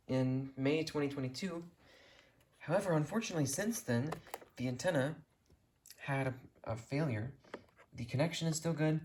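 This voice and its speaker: This mid-pitched American collector walks viewers through his collection as host, rambling casually with lots of enthusiasm and detail. His voice sounds a little mellow.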